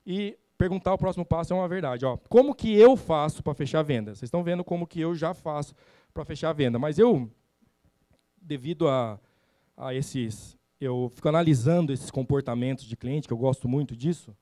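High-voiced Brazilian man giving a sales talk. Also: fairly quick, no echo, studio quality. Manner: animated, acts out customer dialogues, slangy and blunt. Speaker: sales trainer speaking at a summit. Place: event stage.

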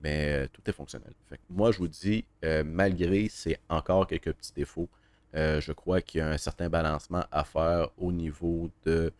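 A man's voice: a bass voice, steady tone, a little mellow, dry recording. A man with a Québécois French accent, a horror game streamer giving a casual, thoughtful review with many hesitations. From Quebec. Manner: thoughtful, halting, many fillers.

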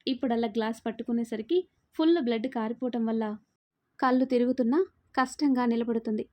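A woman's voice: fairly high pitch, steady tone, fast talker, highs cut off. A woman storyteller giving scripted, dramatic story narration.

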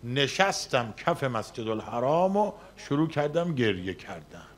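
A male cleric telling a personal story in a sermon, with dramatic shifts between soft passages and loud emphasis. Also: mid-range voice, big pitch swings. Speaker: cleric preaching. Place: religious community hall.

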